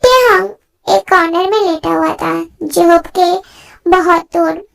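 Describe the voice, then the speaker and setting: A woman narrating a fan-fiction story in a plain, steady storytelling way. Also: very high-pitched, unhurried, vocal fry.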